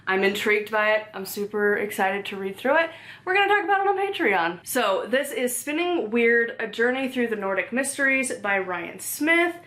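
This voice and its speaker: Indoors at home, a young woman with a somewhat high, slightly bright voice talks casually about her library books for her book vlog. Her chatter is rambling and full of "like" fillers and self-corrections, with easy laughter and asides to her cat between titles.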